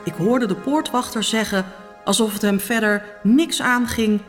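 A woman's voice: fairly high pitch, unhurried, faint music behind, lightly acted. A woman playing a troubled Roman noblewoman who tells of her dreams in a solemn, urgent first-person monologue. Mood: haunted. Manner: solemn, urgent, hushed storytelling. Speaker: Pilate's wife.

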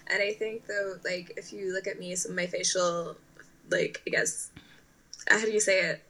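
A young woman from Canada, a podcast guest who talks in an animated way, laughs a lot and says "like" often. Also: mid-range voice, moderate pace, rough recording. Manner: animated, laughing, heavy use of "like". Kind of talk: casual chat.

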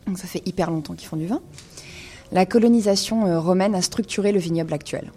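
A woman talks through a wine segment in a radio studio. Her voice sits a little low and sounds warm and mellow. She hesitates often, filling gaps with small sounds as she goes. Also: a little fast, husky. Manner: hesitant, many fillers. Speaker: wine columnist.

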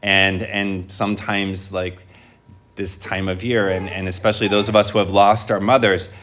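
Male priest, lowish pitch, church preaching and scripture reading, deliberate phrasing, addressing a congregation. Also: level tone, a bit bright. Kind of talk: Gospel reading and homily to a congregation. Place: church, speaking before a congregation.

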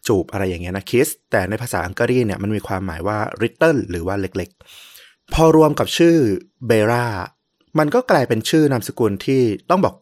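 A man co-hosting a podcast, telling a historical story in a relaxed, chatty way with many fillers. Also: lowish voice, moderate pace, dry recording.

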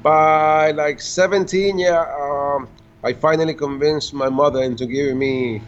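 An older man who builds and tunes cars tells stories as a guest in a casual interview, his fairly high voice holding a steady tone. Born in the Dominican Republic and raised in Puerto Rico, he halts and restarts often, laughing between tales. The recording is muffled, dull lo-fi.

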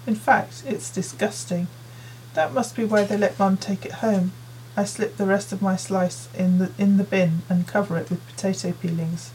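A woman's voice: mid-range voice, steady tone, moderate pace, darkish tone, slight background noise, low-quality recording. Woman narrating a novel in first person. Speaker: audiobook narrator.

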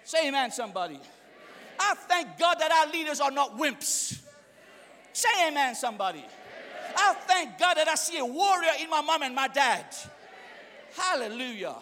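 A young preacher who is not a native English speaker gives a fiery sermon in a very high, bright, forceful, sing-song voice at a normal speed. He leads call-and-response chants and often bursts into shouts, with long reverb filling a big church hall and some chatter in the background.

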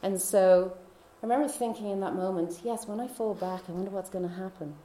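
A woman telling a personal faith story in a chatty way, laughing often and dropping into soft whispers. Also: mid-range voice, brisk, roomy sound, a little hiss or hum. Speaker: speaker.

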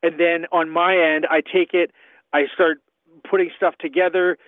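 A man's voice: fairly high pitch, level tone, normal speed, dry recording. A man speaking as a guest musician and producer, giving easygoing, rambling explanations in a casual interview. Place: home in northern Canada. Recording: tinny dry phone-like line.

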